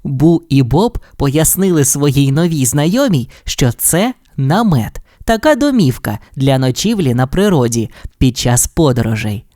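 A woman narrating a children's storybook in a deep, dark voice that swoops lively through each sentence. She speaks straight to the child listening, close and dry on the mic. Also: measured pace, few pauses, dry recording. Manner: warm, addressing the child listener directly.

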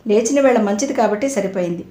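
An anxious grown son, quick to snap and grumble under his breath, as a woman reading the novel puts him on. An echo of the room hangs on the voice. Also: medium pitch, dark tone, close to an everyday voice. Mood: worried. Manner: anxious and irritable. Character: worried grown son, quick-tempered man. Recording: roomy echo.

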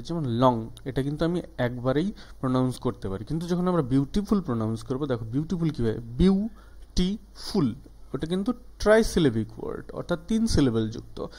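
A man, a native Bengali speaker, teaching an English grammar lesson, with frequent "ah" fillers as he slows down and stretches out the English examples. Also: medium pitch, mellow.

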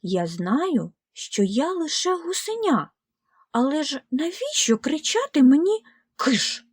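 A woman's voice: on the high side, very animated, a little slow, fairly bright tone, no room sound, studio quality, full character voice. A woman voicing a lonely, eager little male gosling in a storybook tale, honking and plaintive. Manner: honking goose calls, plaintive.

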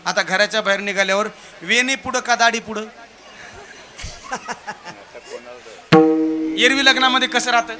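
High-voiced preacher telling a funny story over music. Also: male voice, steady tone, unhurried, long pauses, pushed and bright. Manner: addresses listeners as Maharaj, quizzes the crowd. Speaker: kirtan preacher. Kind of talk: humorous devotional storytelling sermon. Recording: live event with instrumental music.

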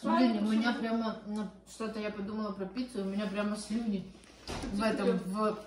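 A young woman chatting softly at home, heard from a little distance. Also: medium pitch, flat delivery, fairly quick, echoey room, background noise. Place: indoors at home.

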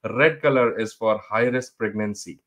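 A man's voice: lowish voice, normal speed, a bit bright. A middle-aged man with a North Indian accent, teaching a live online exam review in a mix of English and Hindi, encouraging students and often repeating his phrases.

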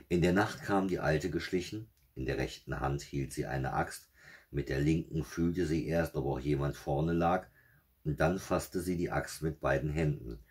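A man with a husky voice reading a fairy tale aloud in a steady, measured way. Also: rumbling low. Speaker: storyteller.

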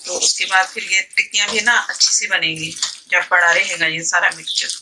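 A Pakistani cooking channel host chats casually through a demonstration in her home kitchen, explaining each step as she goes and frequently restarting sentences. Her voice is fairly low, steady and fairly quick. Pots, pans and clicks clatter clearly in the background.

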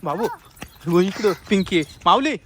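A man's voice: high-pitched, lively intonation, a little slow, fairly bright tone, slight background noise. A man playing an uncle in a comedy skit, talking in frantic, repetitive calls.

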